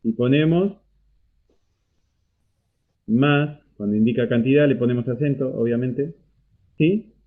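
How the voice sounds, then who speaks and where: A man's voice: medium pitch, unhurried, pauses often. Argentine man teaching math over a tinny call. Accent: Argentine Spanish. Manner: checks in often with rising "¿sí?". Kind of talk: online class explanation. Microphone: computer mic on a video call. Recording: tinny phone-like video call audio.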